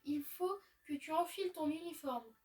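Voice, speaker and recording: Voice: high-pitched, normal speed, distant mic, natural voice. A gamer reading aloud a polite receptionist who explains the rules of a video game tournament. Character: polite formal league receptionist.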